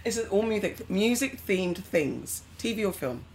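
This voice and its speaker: A woman's voice: mid-range voice, sing-song, a little slow, vocal fry, a little mellow, a little hiss or hum. A woman co-hosting a podcast, running a quiz game in a teasing, bossy way. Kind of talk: playful casual chat.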